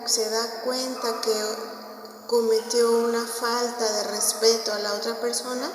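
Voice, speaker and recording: A woman's voice: fairly high pitch, level tone, measured pace. A woman with a Mexican accent gives an informal parish talk on family life, telling stories and often checking in with her listeners. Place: parish hall. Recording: very echoey hall, voice from far off, faint noise.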